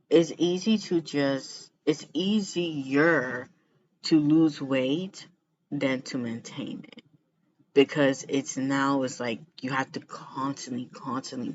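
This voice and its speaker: A vlogger chatting casually to the camera in a rambling way, repeating phrases for emphasis. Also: medium pitch. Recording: muffled lo-fi sound with background noise.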